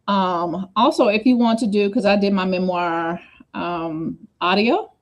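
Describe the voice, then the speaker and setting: Chatty woman talking fast and scattered. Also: mid-range voice. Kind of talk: casual livestream chat.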